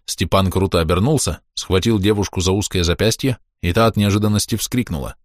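A man reading a dark story aloud in a measured, tense audiobook style. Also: deep voice, dry recording, clean studio sound. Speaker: audiobook narrator.

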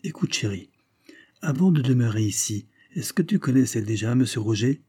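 A man's voice: mid-range voice, expressive, moderate pace, warm tone, husky, no echo, clean studio sound. A man reading a short story, voicing an anxious, jealous wife who questions a child in a trembling voice. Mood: anxious probing. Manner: hesitant, probing questions in a trembling voice. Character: anxious jealous woman, middle-aged wife.

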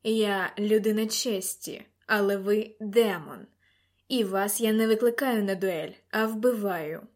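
A woman's voice: fairly high pitch, fairly even intonation, slow, hardly any pauses, a bit bright. A woman doing an icy, menacing nobleman. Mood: cold menace. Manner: curt, icy, commanding. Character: cold menacing male aristocrat swordsman.

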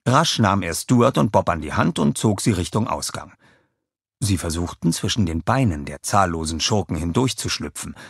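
A male audiobook narrator with a low, somewhat husky voice, reading with lively, varied expression. The recording is dry and close, with no room sound. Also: no room sound. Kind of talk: scripted narration.

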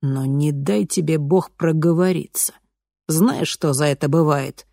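An audiobook reader voicing a stern, irritable man with a high voice who snaps and threatens slowly. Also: no room sound, clean studio sound, natural voice. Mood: menacing. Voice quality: high male voice. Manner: stern, snapping, slow threats. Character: stern irritable man, gang fixer, menacing. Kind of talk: audiobook character voice.

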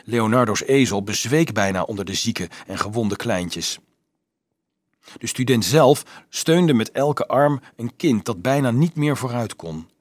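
A man narrating a novel aloud as an audiobook reader, in an expressive storytelling manner. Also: medium pitch, slightly rough, no echo.

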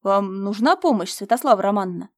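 A woman's voice: fairly high pitch, fast talker, lightly acted. A woman voicing a stern, protective male butler who speaks curtly and menacingly, in an audiobook. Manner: curt and menacing.

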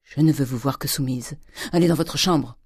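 A reader voicing a domineering, miserly old father who lurches from loud fury to hissed whispers. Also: mid-range voice, moderate pace, husky, dry recording, clean studio sound. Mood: commanding. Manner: thundering, swinging from shouts to hissed whispers. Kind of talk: audiobook character reading.

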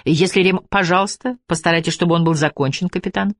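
A man voicing a polite, scheming police officer in an audiobook, falsely courteous and smooth. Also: high-pitched, fast talker, fairly bright tone, no echo, studio quality.

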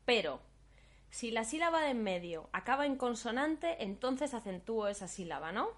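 A woman's voice: fairly high pitch, very animated, moderate pace. Exclaiming woman co-host. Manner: reactive, exclaiming, good-humored. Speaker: podcast co-host. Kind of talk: casual podcast chat.

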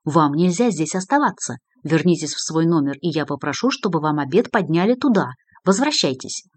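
A woman's voice: low voice, lively intonation, a little fast, no room sound. A woman reading the lines of a firm male police officer who speaks curtly and commandingly. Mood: stern. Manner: curt, commanding.

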